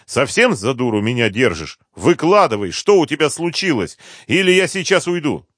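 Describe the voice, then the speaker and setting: A man reading an audiobook, voicing a sharp, suspicious young woman who demands answers from her friend. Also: mid-range voice, big pitch swings, normal speed, breathy edge, no room sound, clean studio sound, voice pushed up. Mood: indignant. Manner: demanding, indignant. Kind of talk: audiobook character voice.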